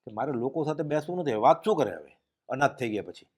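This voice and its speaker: A man giving a devotional discourse, telling stories and dropping his voice low and quiet at solemn moments. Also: expressive, fast talker, breathy edge. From Gujarat, India. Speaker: spiritual speaker giving a discourse.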